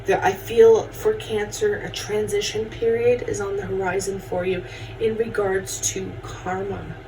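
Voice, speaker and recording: A woman's voice: mid-range voice, flat delivery, measured pace, warm tone. A woman giving a casual, chatty tarot reading, talking to her viewers as friends. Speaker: tarot card reader hosting a horoscope show. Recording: distant mic with faint background noise.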